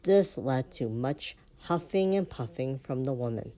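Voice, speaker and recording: Woman narrator, low register, storytelling read with lively amused asides. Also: unhurried. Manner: amused, animated reactions. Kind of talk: reading and reacting to online stories.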